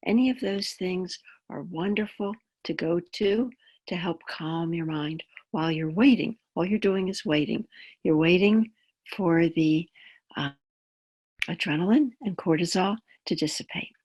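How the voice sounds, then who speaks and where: Low, husky woman calmly guiding a grounding exercise. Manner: calm, gentle, instructive guidance. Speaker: wellness instructor leading a grounding exercise. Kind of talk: guided grounding exercise with explanation.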